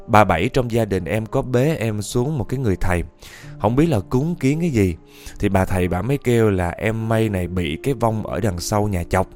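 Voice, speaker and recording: A man tells a ghost story in a chatty, conversational way. He keeps speaking straight to his listeners as he reads the tale aloud, with soft music playing faintly behind him. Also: lowish voice. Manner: chatty storytelling, often addressing the listeners directly.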